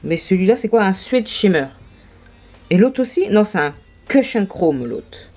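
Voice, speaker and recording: A woman's voice: mid-range voice, animated, unhurried, warm tone, faint music behind. A young woman vlogging makeup swatches, gushing and exclaiming over each shade in casual chat. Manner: gushing, exclamatory, marvelling aloud. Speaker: beauty vlogger.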